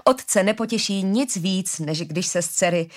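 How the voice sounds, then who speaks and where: A woman reading a gentle forgiving father. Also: mid-range voice, animated, lightly acted. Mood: earnest.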